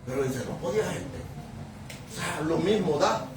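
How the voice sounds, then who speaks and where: High-voiced male pastor in echoey church. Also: lively intonation, normal speed, far from the mic, background noise. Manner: conversational, often chuckling and calling out to the congregation; rises to sudden shouts for emphasis. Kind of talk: Bible-reading sermon. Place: church sanctuary. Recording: very echoey room, mic from afar.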